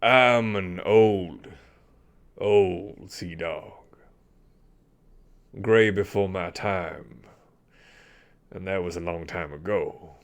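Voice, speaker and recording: A man voicing a weary, haunted but cordial old commodore in a tabletop game, speaking deliberately in old-fashioned phrases. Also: low voice, heavily acted. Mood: haunted, reflective.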